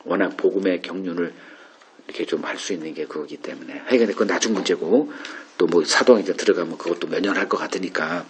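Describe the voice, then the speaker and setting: A man's voice: deep voice, quick pace, noisy background. A male pastor preaching an informal Bible exposition sermon, musing aloud and posing rhetorical questions to the congregation.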